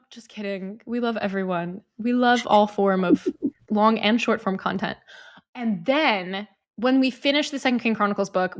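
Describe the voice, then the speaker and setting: A woman co-hosting a podcast in casual chat, playful and quick to laugh. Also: on the high side. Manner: playful, giggly, bubbly. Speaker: podcast co-host.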